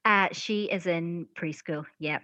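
A woman's voice: on the low side, takes it slowly, bright, forceful tone, no room sound. A woman in her thirties with a Donegal Irish accent, telling a personal story casually and hesitantly as a podcast guest. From County Donegal, Ireland. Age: 30s. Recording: slightly dull, lo-fi sound.

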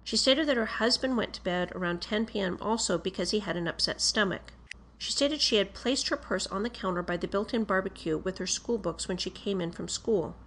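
A woman with a medium-pitched voice reads a written police report aloud. Her delivery is formal and procedural. She keeps a measured, matter-of-fact manner throughout. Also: fairly bright tone, a little hiss or hum.

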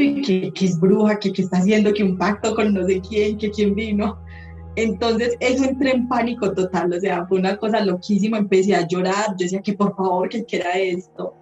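A woman's voice: medium pitch, darkish tone. Frank woman telling stories. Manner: candid storyteller who swears casually. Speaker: holistic therapist guest. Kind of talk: casual podcast conversation. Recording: roomy, slightly dull sound, faint music.

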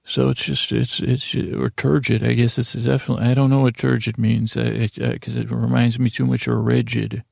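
A man hosts a bedtime podcast, rambling through the intro in a dark, mellow, deeply creaky and gravelly voice with little pitch movement. He meanders, halts and corrects himself with repeated false starts, and the sound is dry and close with no room sound.

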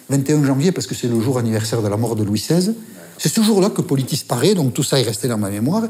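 An older man with a Basque accent, telling stories from his career as a journalist in a lively, casual way with the odd swear word. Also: on the high side. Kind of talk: interview storytelling.

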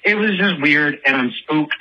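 A fairly high-pitched male listener speaks at a normal pace in a voice message left for a show. Over what sounds like a phone, he tells a story casually and dramatically, rattling on and making fun of himself.

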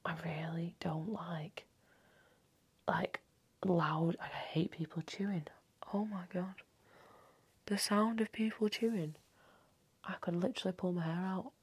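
Female podcast host, 30s. Deep, gravelly voice. Casual and rambling, swears a lot, often half-whispers. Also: steady tone, unhurried, pauses often. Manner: rambling, chatty, swears freely. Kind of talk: casual solo podcast chat. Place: indoors at home late at night.

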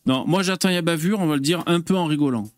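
A man's voice: on the high side, very fast, soft background music. A man hosting a casual live stream, chatting with viewers in a loose, hesitant way with lots of fillers and curse words. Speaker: host.

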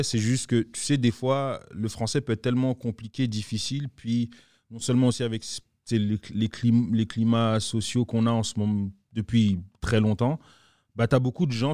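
A man in casual chat, who teases and breaks into drawn-out exclamations. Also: mid-range voice, mellow, dry recording, studio quality. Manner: laughing, teasing, drawn-out exclamations.

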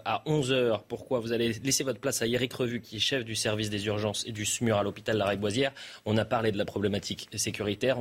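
Husky-voiced male debate host. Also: fairly low pitch. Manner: conversational, with frequent hesitations. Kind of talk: hosting a TV news debate.

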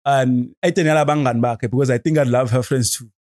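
A young man with a Swazi accent chatting casually on a podcast in an animated, repetitive, slangy way, switching between languages. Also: mid-range voice, fairly quick. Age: young adult. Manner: animated, repetitive, peppers talk with "bro".

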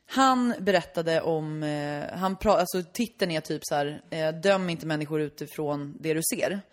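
A young woman in casual podcast chat, telling stories and acting out the people in them with sudden loud outbursts. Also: sits low. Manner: animated storyteller, acts out quotes loudly.

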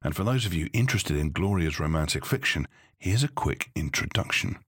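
A man from the United Kingdom, a podcast host, reading a scripted outro in a measured way. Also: low voice, lively intonation, a bit bright, breathy edge, no room sound, studio quality. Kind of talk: scripted narration.

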